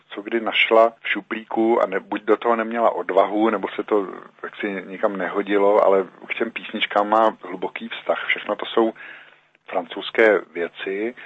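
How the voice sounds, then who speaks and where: Deep-ish raspy guy giving a radio interview, lots of ums and restarts, sounds like a tinny phone line. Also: dry recording. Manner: hesitant, with many fillers and restarts. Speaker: interview guest, musician. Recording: narrow phone-like dry sound.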